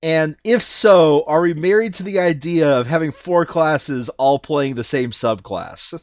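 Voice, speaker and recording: A board game player hosting a video chats casually while sorting game cards, frequently correcting himself as he thinks aloud. His voice is on the high side, his pace measured, and the sound lo-fi.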